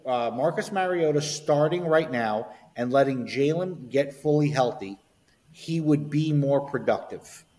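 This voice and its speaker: A man's voice: mid-range voice, a little slow, dark tone, in a large hall. A man co-hosting a sports radio show, chatting casually and rambling with many false starts and the odd swear word.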